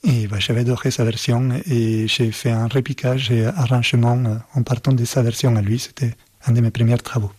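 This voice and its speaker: A man, a composer and performer speaking as a guest in a radio interview, talking slowly and haltingly as he searches for words. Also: mid-range voice, flat delivery, darkish tone, slightly rough, no echo. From Argentina.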